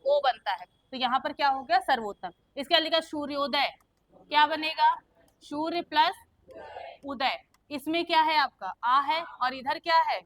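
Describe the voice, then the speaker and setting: A woman's voice: high-pitched, normal speed, a bit bright, dry recording. A young woman teaching a grammar lesson, who keeps quizzing her students with questions and then answers them herself. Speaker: Hindi teacher.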